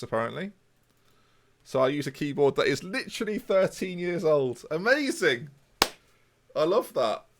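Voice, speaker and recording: Lively, chatty man in his late twenties. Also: fairly high pitch. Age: 20s. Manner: chatty, jokey, answers chat. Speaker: streamer. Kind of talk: casual live-stream chat.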